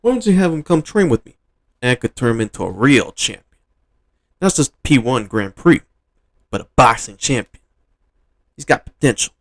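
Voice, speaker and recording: A man's voice: medium pitch, sing-song, moderate pace, pauses often, voice pushed up. A man playing a brash boxing coach. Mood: confident. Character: confident male boxing coach.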